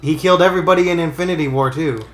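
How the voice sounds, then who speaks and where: Man, gaming stream co-host, teasing banter, slightly high animated voice, echoey room. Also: soft background music. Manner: teasing, argues back quickly. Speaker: video game stream co-host.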